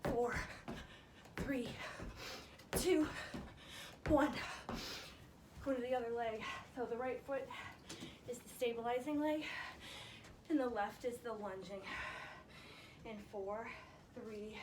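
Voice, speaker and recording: A woman fitness instructor leading a workout live, counting and giving short encouraging instructions, a little breathy from exertion. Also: on the high side, fairly even intonation, a little slow, long pauses. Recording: echoey, distant mic, loud background noise.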